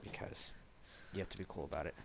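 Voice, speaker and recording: A young man playing along, giving blunt orders and swearing casually. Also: quick pace. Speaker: co-player. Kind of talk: casual gameplay chat. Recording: background hiss with game gunfire.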